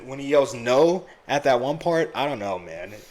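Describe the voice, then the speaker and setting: A man's voice: mid-range voice, lively intonation, a little fast, darkish tone. A man co-hosting a podcast, easygoing and trailing off in casual chat. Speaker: podcast co-host.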